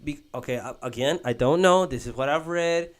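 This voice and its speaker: A young man hosting a casual podcast chat, rambling and animated, with lots of "bro" and restarts. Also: a little high, a little fast. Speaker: podcast host. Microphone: podcast mic.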